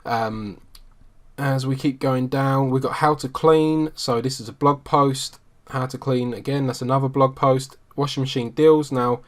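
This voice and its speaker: A man's voice: mid-range voice, a little slow. Man in a mid register, easygoing screen-share walkthrough with plenty of ums. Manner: relaxed, conversational, frequent ums. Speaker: SEO marketing instructor.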